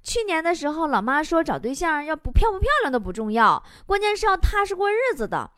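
A woman's voice: high-pitched, fairly quick, no echo, clean studio sound. A woman hosting a radio comedy show, reading funny listener anecdotes and acting out the quoted voices. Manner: lively, laughs often, acts out quoted voices.

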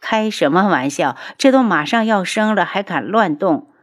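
A woman voicing a caring young princess who speaks brightly to a pregnant friend. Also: medium pitch, animated, moderate pace, natural voice.

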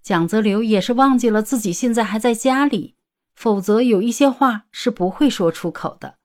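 A woman narrating an audiobook romance story in a steady storytelling manner. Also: a little high, moderate pace.

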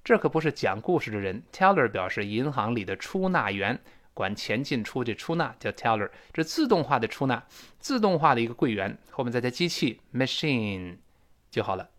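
A man's voice: medium pitch, sing-song, moderate pace, a bit bright. A man teaching a spoken English lesson, explaining pronunciation and modeling phrases for learners to repeat.

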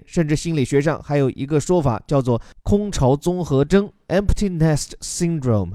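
A man's voice: fairly high pitch, dark tone, no room sound, studio quality. A man who teaches as a podcast host, patiently explaining an English news article word by word with examples.

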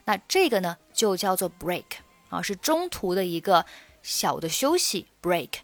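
Woman English tutor explaining in Mandarin, patient and slow on key words, dry close sound. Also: fairly low pitch, sing-song, dry recording. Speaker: English teacher.

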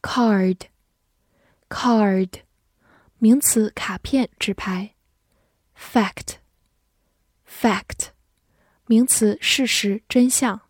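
A woman's voice: mid-range voice, extremely slow, pauses often, husky, no room sound, clean studio sound. A woman teacher reading a vocabulary review with care. She says each English word twice before giving its meaning.

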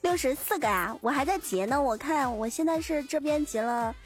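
A woman's voice: high voice, lively intonation, normal speed, faint music behind. A woman co-hosting a casual livestream chat, teasing and exclaiming with laughter. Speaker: livestream co-host.

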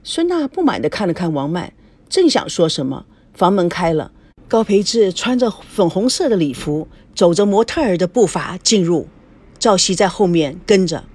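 A woman's voice: fairly low pitch, sing-song, normal speed, darkish tone, slightly rough. A woman narrating a novel as an audiobook, reading every part herself. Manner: plain storytelling, reads every part herself.

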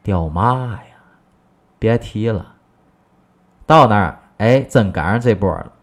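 A man voicing a boastful, loudmouthed middle-aged neighbor, talking in a brash, bragging way. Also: lowish voice, animated, slow. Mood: excuse-making.

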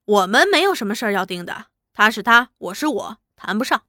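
A woman voicing a proud, headstrong woman in her thirties who answers with sharp, scornful retorts. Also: medium pitch, big pitch swings, brisk, no room sound, studio quality.

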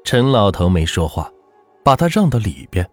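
A man narrating a folk ghost story as the channel's host, in a dramatic, lively storytelling manner. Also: lowish voice, normal speed, soft background music.

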